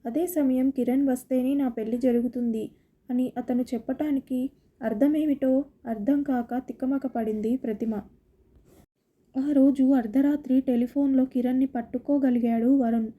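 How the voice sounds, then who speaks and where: Female storyteller reading a scripted story, high and soft-toned. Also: moderate pace. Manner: steady, plain storytelling.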